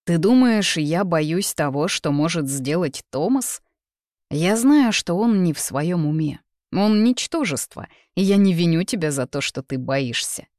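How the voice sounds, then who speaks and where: A man's voice: on the high side, expressive, a little slow, darkish tone, no echo, clean studio sound. A reader voicing a young man, a persistent and jealous suitor who pleads and turns bitter, in a read-aloud novel. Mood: scornful. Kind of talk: audiobook character reading.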